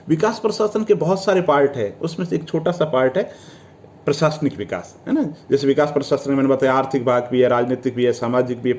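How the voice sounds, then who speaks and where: A man's voice: on the high side, a little mellow. A man teaching a civil service exam class, often asking questions and answering them himself, and telling students to learn definitions by heart. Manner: addresses students as friends, tells them to memorize. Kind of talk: lecture.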